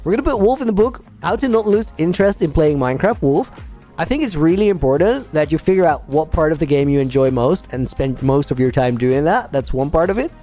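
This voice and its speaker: A man's voice: on the high side, lively intonation, brisk, dark tone, soft background music. A man streaming a game, chatting casually with viewers, rambling and laughing often while reading out names. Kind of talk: casual livestream chat while playing a game.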